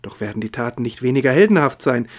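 A man reading the lines of a stern, grave warrior and heir of kings in a calm, measured voice. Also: medium pitch, close to an everyday voice.

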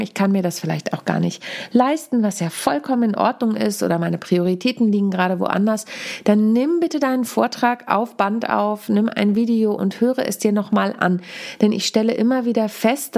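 A woman in her thirties talks alone into the mic as a speaking coach, measured and instructive. Her voice sits at an ordinary middle pitch, and a trace of a recent cold still colours it. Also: gravelly, darkish tone. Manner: deliberate, coaching tone, demonstrates stresses. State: lingering cold. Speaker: podcast host and speaking coach. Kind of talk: solo podcast talk.

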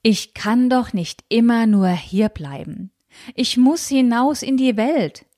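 A woman reading aloud and voicing a determined, free-thinking young woman writer who calmly stands her ground. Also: a little high, takes it slowly, pitched above the performer's own voice.

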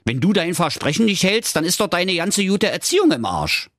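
A man's voice: sits high, big pitch swings, normal speed, fairly bright tone, no room sound, studio quality, pitched above the performer's own voice, heavily acted. A man voicing a pompous middle-aged father in a mildly raised voice with a Berlin accent, speaking officiously. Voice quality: officious, reads rules aloud.

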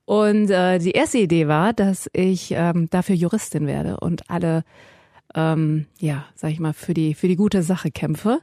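A woman's voice: on the low side, measured pace, mellow, no room sound, clean studio sound. A woman in her forties, a radio journalist, talking as a guest in a podcast interview, chatty, with many fillers and restarts. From Iranian family.

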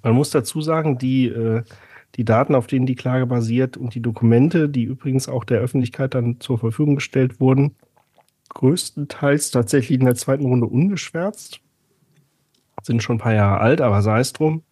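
A man with a dark, husky voice co-hosts a casual podcast. He tells his story sarcastically and fills it with ums and asides. The sound is close and dry. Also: medium pitch, normal speed, no room sound. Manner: chatty, sarcastic storytelling with many fillers. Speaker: podcast co-host.

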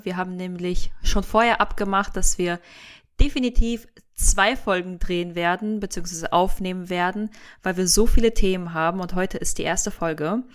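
A woman's voice: mid-range voice, smooth. A woman hosting a podcast, introducing the episode and chatting casually with her guest. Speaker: podcast host.

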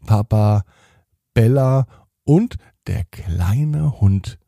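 A man narrating a children's story slowly and gently, with expressive read-aloud delivery. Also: lowish voice, gravelly, slightly rough, no echo, clean studio sound.

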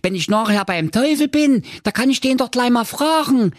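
A man putting on a high, cocky young hero. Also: expressive, moderate pace, no room sound, studio quality. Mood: cheerful. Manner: brash, jaunty, slangy. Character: cheeky young male hero, cocky and carefree.

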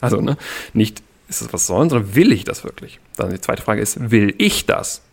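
A man in a podcast conversation, calmly explaining ideas step by step as a guest coach. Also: lowish voice, gravelly, husky. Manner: calm, explanatory, measured.

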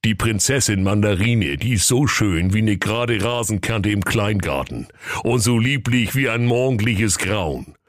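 A man voicing a small, fat, grouchy king in a comic radio fairy tale, gruff and blunt. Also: on the low side, lively intonation, measured pace, no room sound, studio quality. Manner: gruff, blunt, name-calling.

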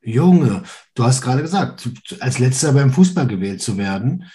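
A man's voice: medium pitch, very animated, normal speed, mellow. A man in his thirties hosting a podcast, chatting casually and asking engaged follow-up questions. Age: 30s. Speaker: podcast host. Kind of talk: casual interview.

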